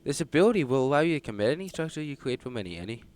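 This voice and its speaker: Man as an excitable researcher, lively swooping pitch, rushed delivery. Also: lightly acted. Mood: eager. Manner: eager, quick and excitable.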